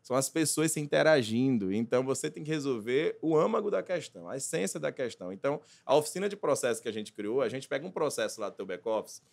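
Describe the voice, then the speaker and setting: A man, a consultant talking as a podcast guest, animated and acting out little dialogues. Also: medium pitch, fast talker, vocal fry, hardly any pauses. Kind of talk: casual podcast conversation.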